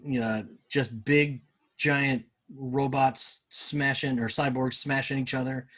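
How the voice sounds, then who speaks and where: A man who designs games, talking casually in an interview, relaxed and chatty, laughing easily. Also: medium pitch, slow pace. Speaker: game designer guest.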